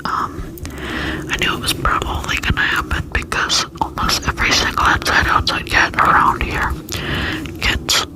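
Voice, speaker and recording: A woman softly whispering a casual ASMR chat with tingly mouth articulation, often slowly repeating words. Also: low-quality recording. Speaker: ASMR video creator.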